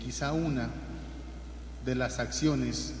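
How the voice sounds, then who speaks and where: Colombian priest in cathedral echo. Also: male voice, mid-range voice, slow, a little hiss or hum. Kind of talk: liturgical prayer and parish announcements read from the lectern. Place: large church, indoors. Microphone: lectern microphone. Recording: echoey church with long cathedral reverb.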